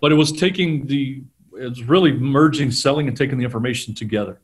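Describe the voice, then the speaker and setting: A middle-aged man, a guest on an interview show, telling animated stories about selling and laughing often. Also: medium pitch, a little fast. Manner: animated storyteller, acts out quotes, laughs often. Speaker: guest, sales trainer. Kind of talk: conversational storytelling interview.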